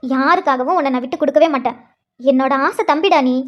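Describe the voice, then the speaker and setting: A woman's voice: high-pitched, quick pace, dull audio, lightly acted. A woman voicing an affectionate elder sister who deflects and hesitates when questioned, in a cartoon. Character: tender, evasive elder sister. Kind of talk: cartoon voice acting.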